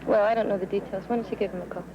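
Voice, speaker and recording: A woman playing a quick, teasing young woman. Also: mid-range voice, steady tone, lightly acted. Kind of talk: 1980s TV drama acting. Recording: outdoor street noise, slightly lo-fi.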